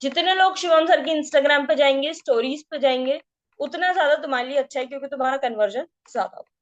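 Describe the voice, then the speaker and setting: A woman's voice: high-pitched, fast talker, dull audio. A woman leading an online training meeting, addressing her team casually and swinging her tone up and down on purpose. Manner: addresses listeners casually as guys. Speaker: network marketing trainer. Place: home at night, neighbors nearby. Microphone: online meeting call.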